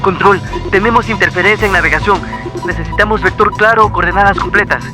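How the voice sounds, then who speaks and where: An actor playing an airline pilot calling control from the cockpit, speaking in clipped, urgent radio procedure. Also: male voice, sits high, fast talker, over music, natural voice. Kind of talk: scripted drama acting.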